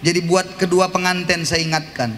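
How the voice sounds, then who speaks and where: A man's voice: sits high, fairly even intonation, moderate pace, a little hiss or hum. Impassioned male pastor preaching in a hall. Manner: impassioned preaching, swinging from shouts to soft murmurs. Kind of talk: sermon. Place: church sanctuary.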